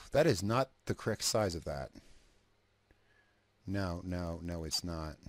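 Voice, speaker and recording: A man's voice: low voice, animated, slow, no echo. A man talking through a video edit as he works, thinking aloud, trailing off and restarting, swearing casually, a cigarette in his mouth. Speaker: video creator narrating an editing session. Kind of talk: casual screen-recording commentary.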